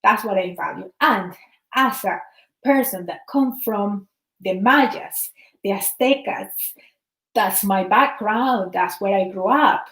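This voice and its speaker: A woman's voice: mid-range voice, slow, fairly bright tone, echoey room, rough recording. A woman from Venezuela, a wellness practitioner speaking earnestly about her views, often repeating words while searching for the right phrasing. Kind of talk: impassioned personal talk.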